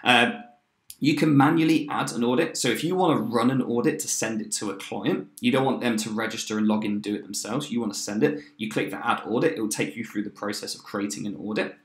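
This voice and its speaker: A man in his thirties giving an upbeat, chatty screen-share walkthrough of a software tool, with fillers and quick restarts. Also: medium pitch. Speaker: software demo presenter. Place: indoor room, webcam in corner of screen share. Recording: roomy echo.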